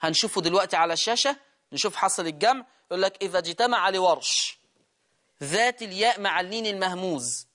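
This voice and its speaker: An Egyptian man leads a recitation lesson. He keeps questioning his students, answering himself and repeating key words. He slows down to sound out each word. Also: high voice, sharp tone. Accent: Egyptian Arabic. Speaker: Quran recitation teacher. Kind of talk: lesson explaining recitation rules.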